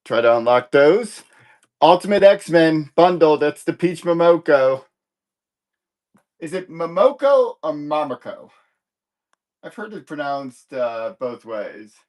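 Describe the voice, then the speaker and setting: A man with a voice a touch higher than most chats unhurriedly through a live comic sale. He rambles in an easygoing way, catches his own slips and tosses in small jokes. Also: expressive, unhurried, a little mellow. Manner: rambling and easygoing, self-correcting with light jokes. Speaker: live-stream comic book seller. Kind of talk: casual live sales stream chat.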